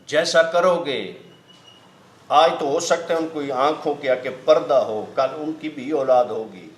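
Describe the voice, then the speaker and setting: A man with a slightly high voice speaks in an earnest, emphatic, preachy way, telling a moral story. He swears oaths to stress that his story is true. The room around him is echoey.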